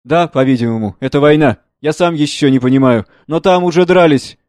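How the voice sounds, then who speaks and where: A man reads the part of a middle-aged gentleman, grave and shaken. He speaks in a measured, somber way, a little above his own pitch. The recording is close and dry. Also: no room sound, natural voice. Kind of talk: dramatic play reading.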